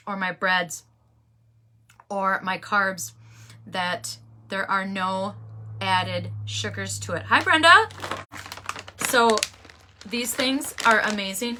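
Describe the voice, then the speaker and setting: A woman's voice: medium pitch, pushed and bright, slight background noise. A middle-aged woman, hosting a casual livestream in a chatty, folksy way and greeting viewers by name. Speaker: livestream host selling handmade crafts. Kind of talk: casual live chat.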